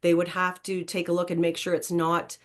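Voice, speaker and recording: A woman's voice: fairly low pitch, completely flat delivery, moderate pace. A woman, giving an informal explanatory presentation as a program presenter.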